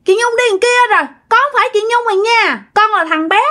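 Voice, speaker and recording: A woman voicing the ghost of a five-year-old boy, high and childish. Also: fairly quick, sharp tone. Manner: high childish singsong, whiny.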